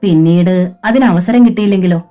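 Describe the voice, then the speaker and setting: A woman's voice: on the low side, brisk, dark tone, highs cut off, soft background music, lightly acted. A woman voicing a grave, worried elderly grandfather in an audio novel, with a plain, serious delivery.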